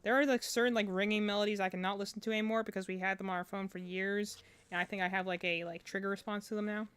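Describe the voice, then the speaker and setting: A young woman chatting on a crafting stream, rambling through stories with easy fillers and a laugh at herself. Her voice is smooth and clear, at a middle pitch. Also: steady tone, fast talker, fairly bright tone. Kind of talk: casual chat on a crafting stream.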